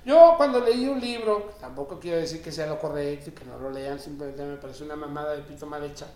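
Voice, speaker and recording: A Mexican man in his fifties, a guest in a casual podcast chat, telling stories in a profane, emphatic way with big swings in loudness. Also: a little high, quick pace, slight background noise. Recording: echoey room.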